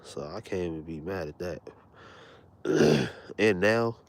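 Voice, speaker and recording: Recorded at home late at night, this casual vlog features a young man telling rambling, profane stories in a very deep, low, creaky voice with big pitch swings. He's laid-back and unhurried, keeping his volume down, sometimes almost whispering, so nobody in the house wakes, yet his depth still carries.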